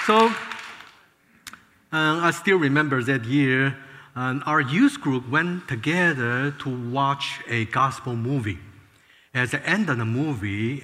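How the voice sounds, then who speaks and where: An older man from Taiwan tells his life story with earnest warmth. His voice is bright and forward, with frequent restarts. Behind him, a long hall reverb hangs after each phrase. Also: mid-range voice, a little hiss or hum. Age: 60s. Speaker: former space scientist giving a testimony. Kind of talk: personal testimony talk.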